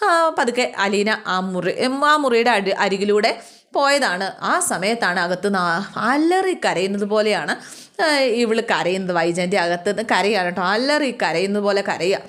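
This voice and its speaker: A woman's voice: medium pitch, a bit bright. A woman narrating a family drama in a chatty, casual storytelling way, often turning to the listener with little asides.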